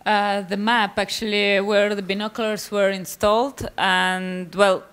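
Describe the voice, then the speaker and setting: A woman from Estonia, giving a live conference talk in a halting way, full of fillers and restarts. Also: mid-range voice, flat delivery, fairly bright tone, clean tone. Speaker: conference presenter, artist.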